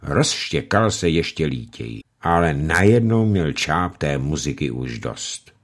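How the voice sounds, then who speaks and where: A man narrating a story as an audiobook, expressive in his delivery. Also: a bass voice. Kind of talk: audiobook reading.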